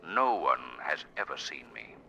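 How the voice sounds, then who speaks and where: An actor playing a mysterious, stern invisible avenger in a 1940s radio drama, with theatrical authority. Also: male voice, extremely low pitch, sing-song, moderate pace, creaky, pushed and bright, exaggerated voice. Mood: grave, mysterious. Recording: reverberant old 1940s radio broadcast.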